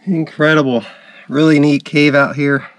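A man hosting a hiking vlog, narrating calmly and steadily as he explores woods and caves outdoors. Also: a little high, normal speed, no echo. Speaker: hiking vlogger. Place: outdoors in a forest.

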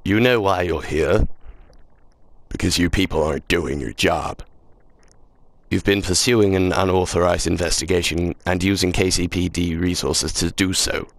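A man's voice: sits low, steady tone, moderate pace, vocal fry, dry recording. A man reading game dialogue aloud while alternating between two voices, one of them a vaguely British-sounding official. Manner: swears casually. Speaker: let's play gamer.

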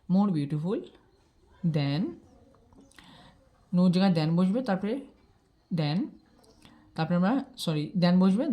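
A woman whose voice is on the low side and warm teaches English grammar, taking students through the rules step by step. She is patient, regularly asks "ঠিক আছে?" to check they follow, and mixes English terms into her Bengali.

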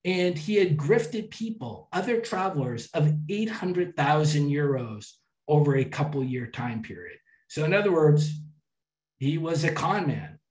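A man's voice: on the high side, lively intonation, unhurried, a little mellow. A man giving a public talk to an audience and telling travel stories in a chatty way, with some restarts. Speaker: travel speaker. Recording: echoey hall from far off.

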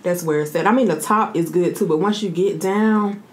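A woman's voice: lowish voice, normal speed. A woman in her thirties chatting casually as a mukbang host, talking while eating and savoring her food. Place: small room indoors, seated at a table. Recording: noticeable room noise.

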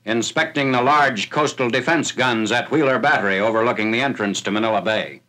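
A man reading a scripted wartime newsreel narration in a formal, measured announcing manner, heard on an old 1940s newsreel soundtrack. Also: medium pitch, pushed and bright. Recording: noisy, hissy 1940s newsreel film soundtrack.

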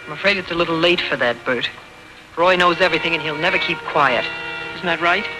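Actor as high-voiced cold western outlaw. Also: male voice, fairly quick, lightly acted, low-quality recording. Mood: cold, menacing. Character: cold, smooth-talking outlaw killer. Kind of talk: 1940s western film acting. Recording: old 1940s film soundtrack with loud music.

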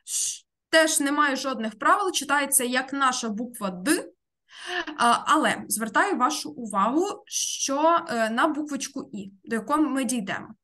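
A woman teaching an online language class, explaining slowly and carefully, word by word, over a computer mic. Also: sits high, lively intonation, bright, forceful tone. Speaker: Spanish teacher.

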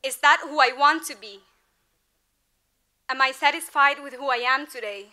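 A young woman in her twenties gives a commencement speech at an outdoor podium. Her voice is high and bright, and her delivery is earnest and rhetorical, rising to emphatic peaks. She speaks into a podium microphone. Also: moderate pace. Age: 20s. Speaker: graduating class representative. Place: large outdoor ceremony at a podium. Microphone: podium mic.

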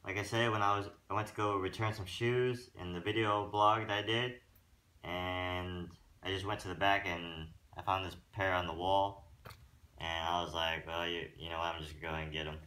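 A low-pitched man speaks at a normal speed while casually going through a sneaker review at home. The vlogger rambles a little, dropping plenty of "um" fillers, in an indoor room with a wooden floor.

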